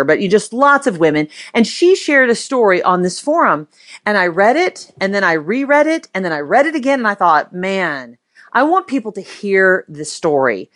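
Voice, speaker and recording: A woman's voice: fairly low pitch, fairly bright tone. Effusive woman hosting a faith talk show. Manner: effusive, emotional, laughs often. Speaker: radio show host. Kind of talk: casual faith talk interview.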